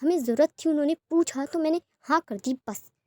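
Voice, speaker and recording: A woman voicing a practical young woman who looks after others and scolds briskly, in a storybook reading. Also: sits high, dark tone, no room sound, pitched above the performer's own voice, lightly acted. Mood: scolding.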